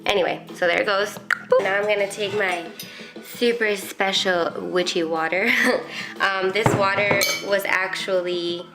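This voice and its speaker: A woman with a head cold, her voice nasal and congested, chatting in a rambling, casual way through a how-to, with soft music behind her. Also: medium pitch, steady tone, normal speed. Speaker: herbalist vlogger.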